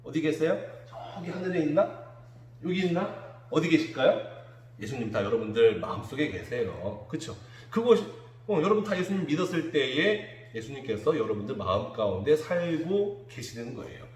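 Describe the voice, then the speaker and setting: A male children's pastor talks kids through a sermon, lively and playful, slipping into the voices of children. His pitch jumps up and down a lot. The sound is roomy, with a long church-hall reverb. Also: moderate pace. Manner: animated, acts out children's quotes. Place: church room.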